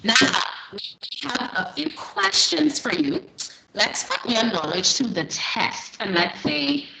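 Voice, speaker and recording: A woman teaching a class over a video call, her voice coming through choppy and breaking up. Her tone is bright and forceful, and she keeps checking in with the students with a quick okay. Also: fairly high pitch, sing-song, creaky, roomy sound, poor audio. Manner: checks in with frequent okays. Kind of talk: online class lesson.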